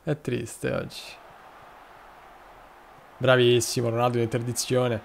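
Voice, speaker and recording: A man's voice: medium pitch, monotone, measured pace, creaky, a little hiss or hum. A man commenting live on a football manager game, chatting with viewers, thanking subscribers and talking to his players. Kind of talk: live gameplay commentary with chat shout-outs.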